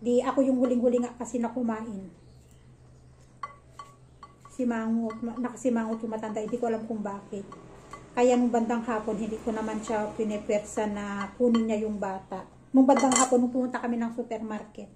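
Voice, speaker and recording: A woman's voice: fairly high pitch, moderate pace, long pauses. A woman vlogger animatedly retelling a family quarrel in casual storytelling, recorded in a roomy room at home with faint noise. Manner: animated, gossipy retelling with quoted dialogue.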